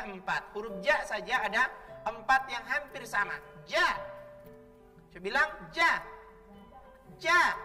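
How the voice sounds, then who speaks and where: A man's voice: very high voice, bright, forceful tone, big-room sound, distant mic. A man hosting a children's Quran lesson on television, teacherly and prompting the kids to answer back as he draws out each letter sound. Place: television studio.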